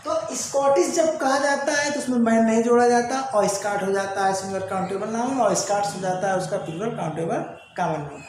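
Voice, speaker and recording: A man's voice: high voice, brisk. A man teaching a grammar lesson, asking short questions and answering them himself, repeating each answer. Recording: echoey room, distant mic, background noise.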